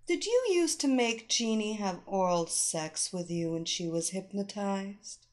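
A woman voicing a dominant woman hypnotist who gives slow, firm commands. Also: medium pitch, expressive, lightly acted. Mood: commanding.

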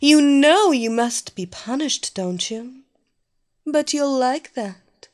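A woman voicing a domineering, mocking female villain who gives orders in a slow, coaxing way. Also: high-pitched, expressive, voice pushed up. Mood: commanding. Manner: slow, coaxing, commanding delivery. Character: commanding, domineering woman villain, mocking and sure of her power. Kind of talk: audio story reading.

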